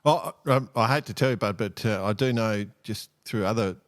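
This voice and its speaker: A man's voice: on the low side, fairly quick. A man hosting a casual podcast chat in a blokey, matey way. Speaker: podcast host.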